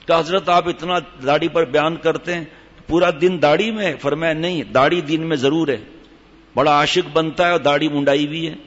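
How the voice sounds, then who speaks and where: A man giving a sermon in a scolding, emphatic way, reciting Arabic verses slowly. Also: a little high, fairly even intonation, fairly bright tone, big-room sound, highs cut off. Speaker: preacher.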